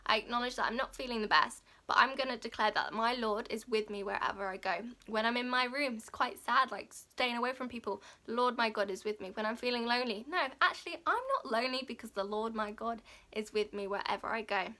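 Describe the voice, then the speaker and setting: A woman's voice: on the high side, brisk, hardly any pauses, sharp tone. A young woman talking in a casual devotional vlog, earnest and a bit giggly, repeating Bible verses.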